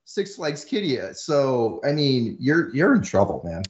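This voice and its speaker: A man's voice: mid-range voice, big pitch swings, dull audio. A man co-hosting a podcast, teasing in casual chat. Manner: teasing, quick to laugh. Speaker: podcast co-host.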